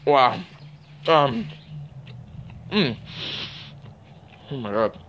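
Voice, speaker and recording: A man's voice: mid-range voice, lively intonation, very slow, fairly bright tone, highs cut off, slight background noise. A man talking while chewing during a casual food review, blunt and exclaiming at the taste.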